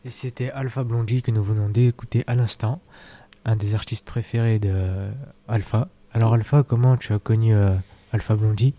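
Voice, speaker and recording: A man hosting a school radio interview, calmly prompting his guest with questions. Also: lowish voice, normal speed.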